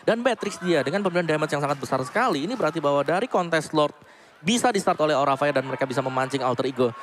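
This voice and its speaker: A man's voice: on the high side, lively intonation, rapid-fire, a bit bright, slight background noise. A man with an Indonesian accent working as an esports caster, explaining the match in live analysis. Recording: game broadcast with music behind.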